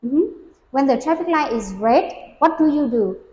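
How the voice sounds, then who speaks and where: High-voiced woman examiner, echoey room. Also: expressive, moderate pace, a little mellow. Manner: patient, prompting, models full sentences for repetition. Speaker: English speaking-test examiner. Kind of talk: questioning a young learner in a speaking test.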